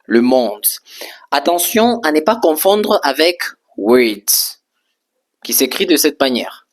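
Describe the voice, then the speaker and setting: A man teaching English in French at a board, repeating and spelling out each word patiently, often pausing with hesitations. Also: a little high, sing-song. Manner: slow, patient, repeats words and spells them out; frequent hesitations with "euh". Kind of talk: French-language English lesson at a whiteboard.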